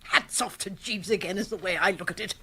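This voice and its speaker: An actress playing a hearty, boisterous middle-aged aunt in a radio comedy, bossy and exclamatory with an upper-class English accent. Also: female voice, medium pitch, fairly quick, sharp tone, a little hiss or hum. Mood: gleeful. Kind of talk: radio comedy drama acting.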